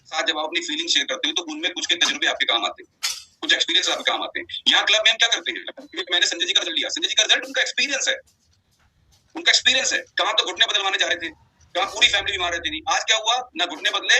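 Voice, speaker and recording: A high-pitched, husky man delivers a rapid motivational talk to his club members. His voice is bright and sharp, and he drops English phrases into his speech. The sound is tinny, like a phone line. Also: slight background noise. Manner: animated, mixes English phrases into Hindi. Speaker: motivational speaker at a wellness club.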